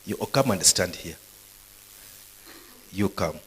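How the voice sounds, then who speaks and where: A man's voice: deep voice, expressive, takes it slowly, fairly bright tone, slight background noise, poor audio. A man preaching a live sermon to university students, quizzing the audience with questions as he goes. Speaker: pastor. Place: university gathering.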